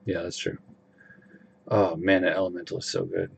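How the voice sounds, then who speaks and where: Gravelly low-voiced man commentating. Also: moderate pace, a little hiss or hum. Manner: relaxed, explains mana costs. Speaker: game commentator. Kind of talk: casual game commentary.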